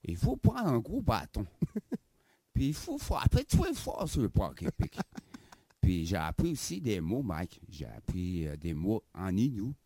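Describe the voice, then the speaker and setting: A man performs a heavily acted character, a silly African visitor to Canada boasting playfully and giggling through a comedy interview sketch, calling the host by name again and again and tacking on filler tags. His lowish voice swoops wildly in pitch, unhurried, mellow and slightly rough with vocal fry.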